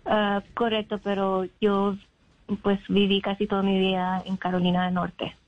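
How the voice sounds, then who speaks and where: A young adult woman from Mexico, a guest telling her own story in an interview. She talks haltingly, with many fillers and English words mixed in. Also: medium pitch, monotone. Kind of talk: personal account in an interview. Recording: phone line.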